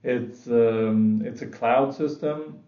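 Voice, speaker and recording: A man who grew up in Sweden role-plays a business client in a sales meeting, describing his company's problems and often repeating words as he goes. His medium-pitched voice is slow and mellow, and the sound is dull in an echoey room.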